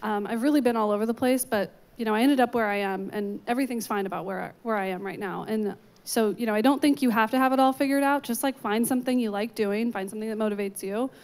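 A young woman on a panel speaking in a relaxed, reassuring way into a handheld mic. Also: on the high side, fast talker. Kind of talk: panel discussion. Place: large atrium stage with audience.

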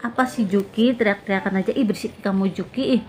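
A woman's voice: medium pitch, over music, lightly acted. A young woman voicing a stern, scolding mother in a toy game role-play. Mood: annoyed. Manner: scolding, bossy, quick to threaten.

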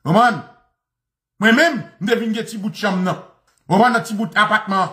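A man's voice: high voice, normal speed. A man with a Haitian accent, talking casually to his viewers and calling out to them by name. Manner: animated, switching between Haitian Creole and French, calling out to viewers by name. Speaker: host of online talk show.

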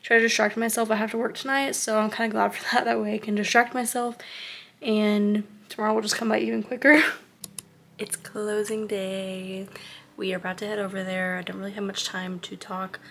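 Bubbly young woman with a gravelly edge. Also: medium pitch, fairly quick. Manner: bubbly, chatty, excitable. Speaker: vlogger. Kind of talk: casual vlog talk to camera. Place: bedroom at home, indoors. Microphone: camera at arm's length.

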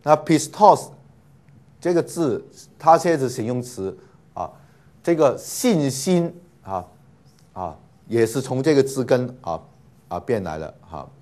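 A man teaching a classroom lesson, speaking in with mixed in. He talks patiently, fills pauses with drawn-out "ah" sounds, and repeats each word for his students. His voice sits at an ordinary pitch. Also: very animated, warm tone. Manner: patient, many filler 'ah' sounds, repeats words for students. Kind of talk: classroom lecture.

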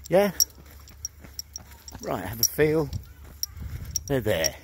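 With huge swings in pitch and a very slow delivery, a man with a mid-range voice pranks someone over the phone, mocking and swearing brashly in a one-sided call. He's out among trees with headphones on, holding the phone at arm's length to film. The outdoor audio is noisy.

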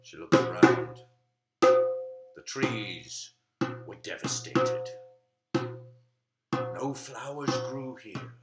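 A man telling a children's story with dramatic, swooping emphasis. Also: medium pitch. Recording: echoey room.

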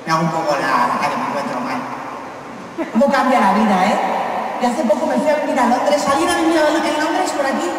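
A woman doing stand-up comedy, her voice sitting a little high as she chats and teases the crowd directly. She is heard from far off across a large, echoing hall with a long reverb tail. A clear wash of room noise sits behind her. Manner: chatty, teasing, addresses the audience directly. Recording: echoey hall from far off, noisy ambience.

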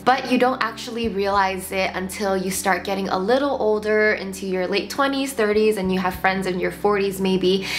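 A woman in her late twenties hosting a casual vlog, reflecting with gentle advice and lots of "like" fillers, filmed sitting on the floor at home. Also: medium pitch. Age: 20s. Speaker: lifestyle channel host. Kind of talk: casual talking-head vlog. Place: home room, seated on the floor.

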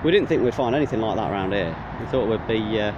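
A young magnet fishing vlogger from England, with a Midlands accent, chats excitedly on a riverbank, piling on tag questions in casual outdoor commentary. His fairly low voice moves quickly, captured on a handheld or body camera with the highs cut off and wind and traffic noise around.

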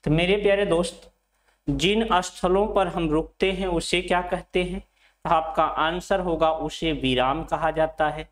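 Slow, repetitive Hindi teacher, man. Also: on the high side, fairly even intonation. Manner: slow, repeats phrases, asks students questions and answers them; addresses students fondly as children. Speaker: Hindi teacher for exam students. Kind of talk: classroom lecture at a board. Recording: echoey room.

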